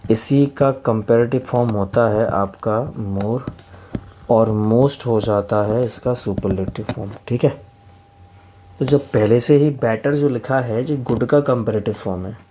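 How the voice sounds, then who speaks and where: A man with an Indian accent teaching English grammar to students in Hindi. He reads the English sentences slowly and calls his students kids and friends. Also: mid-range voice, a little mellow, a little hiss or hum.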